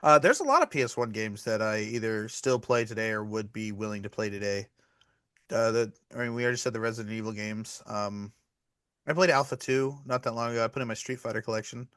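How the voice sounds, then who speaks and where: A man in his thirties chats casually on a gaming podcast, animated and quick to swear. He gets carried away and laughs a lot. The sound is dry and close, with no room echo. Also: lowish voice, clean tone. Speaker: podcast co-host. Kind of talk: casual chat.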